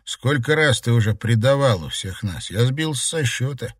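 A man's voice: mid-range voice, animated, normal speed, husky, dry recording, studio quality, pitched above the performer's own voice. A man voicing an angry, protective teenage brother in an audiobook, scolding and insistent.

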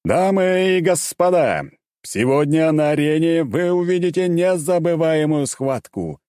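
A man doing a grand, booming arena announcer. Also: expressive, warm tone, no room sound, clean studio sound. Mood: showy. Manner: grand, drawn-out proclamations.

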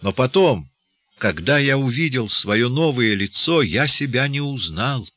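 Audiobook guy voicing a deadpan hitman, flat matter-of-fact delivery, crisp dry sound. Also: medium pitch, unhurried, dry recording, voice pushed up. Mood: explaining. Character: cool, dry-witted hired killer returning home. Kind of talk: audiobook reading.

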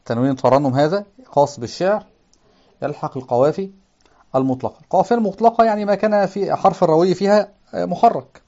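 A man teaches grammar in a lecture style. His voice sits a little high and comes through a dull, lo-fi recording. He often fills pauses with quick questions to the class and chants the verses he quotes. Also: warm tone. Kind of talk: classroom lesson explaining a grammar text.

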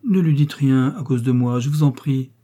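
A man voicing a timid, gentle young wife in a novel reading, speaking softly and pleadingly. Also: mid-range voice, moderate pace, voice pushed up, lightly acted. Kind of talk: audiobook character reading.

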